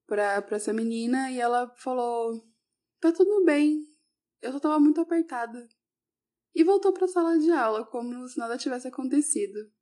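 Female teacher recounting an anecdote; reflective, corrects herself as she goes, slightly high, mellow voice. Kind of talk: personal storytelling.

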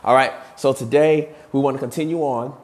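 A man's voice: medium pitch, steady tone, fairly quick, a little mellow. A man hosting a motivational podcast on leadership, a bit out of breath, talking earnestly in a repetitive preaching cadence with fillers. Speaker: podcast host and motivational coach.

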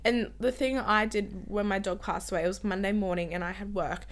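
A young woman chats casually as a podcast co-host at an ordinary mid pitch. Her voice is a bit off from a recovering sore throat and doesn't get very loud. She talks in an informal, rambling, giggly way. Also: steady tone, a little fast. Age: young adult. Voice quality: slightly off voice from sore throat, limited volume. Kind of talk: casual chat.

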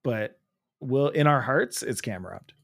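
A man's voice: medium pitch, animated, unhurried, creaky, a bit bright. Young guy guessing on a quiz, voice bouncing all over, playful and hesitant. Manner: playful, hesitant, imitates sounds. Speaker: quiz player. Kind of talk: casual chat.

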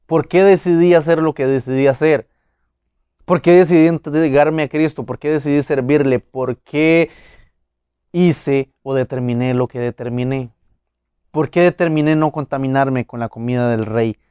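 A man's voice: mid-range voice, steady tone, normal speed, smooth, no room sound, muffled recording. A man preaching a motivational sermon, talking earnestly and with emphasis, speaking straight to his listeners.

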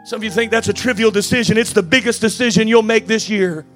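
A man preaching a Pentecostal-style church sermon in an impassioned, declamatory way, often shouting and repeating phrases for emphasis. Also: sits high, quick pace, soft background music. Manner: emphatic repetition for effect.

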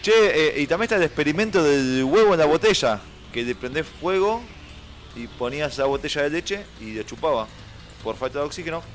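An Argentine man chats casually on the radio. His voice sits slightly high. Faint music plays behind him. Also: expressive, brisk.

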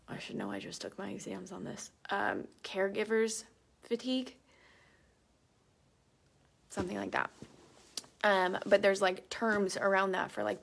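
A woman coach talks through a self-help live stream in a soft, reflective way. Her voice has a gravelly, creaky texture. She often sinks to a near whisper. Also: mid-range voice.

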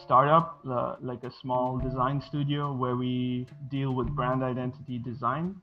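A man's voice: medium pitch, flat delivery, a little slow. Hesitant young man, muffled audio with music. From Sri Lanka, raised in Bahrain. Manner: hesitant, many fillers and restarts. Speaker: guest, design studio co-founder. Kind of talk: casual interview answers. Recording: dull lo-fi audio with music behind.

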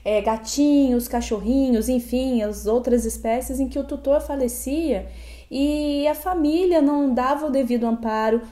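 A Brazilian woman, an animal protection advocate, co-hosts a pet podcast, talking conversationally, earnestly and reflectively while choosing her words as she goes. Her voice sits high and mellow at a moderate pace. The recording is roomy and echoing.

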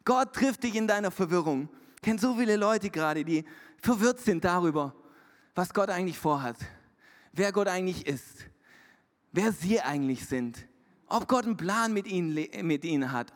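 A man's voice: sits high, animated, normal speed. A man preaching a sermon as a pastor, emphatic and repetitive, with English words dropped into his talk. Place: church hall. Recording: reverberant church hall.

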